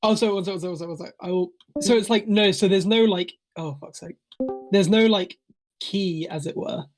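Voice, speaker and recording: Halting game master improvising over a voice call. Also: medium pitch, a little mellow, soft background music. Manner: halting, self-correcting descriptions. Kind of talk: improvised tabletop game narration.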